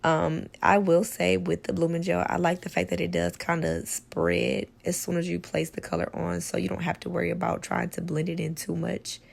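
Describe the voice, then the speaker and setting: Hoarse woman with a gravelly smoker's rasp. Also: lowish voice, moderate pace, hardly any pauses. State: hoarse from a cold and sore throat. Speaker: nail tech doing a product test tutorial. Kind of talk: casual voice-over tutorial.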